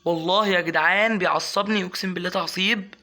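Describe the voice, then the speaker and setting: Fast, bright-voiced Egyptian gamer. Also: male voice, high voice. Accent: Egyptian Arabic. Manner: chatty, coaxing and scolding his in-game pet, flaring into excited yelps. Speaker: gaming YouTuber. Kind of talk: casual gameplay commentary.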